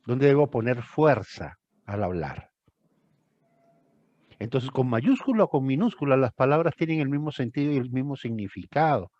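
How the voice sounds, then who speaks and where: A man's voice: medium pitch, expressive, normal speed, darkish tone, dry recording. Older male tutor, emphatic and repetitive, dry lo-fi call audio. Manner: emphatic, repeats phrases for stress. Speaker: thesis tutor. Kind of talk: one-on-one tutoring session.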